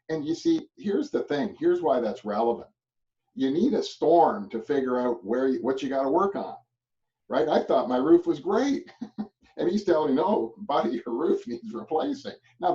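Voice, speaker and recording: A man's voice: medium pitch, mellow. A middle-aged man from Canada giving a motivational presentation to real estate agents, rambling and chuckling, with many a tag "right?". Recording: distant muffled mic.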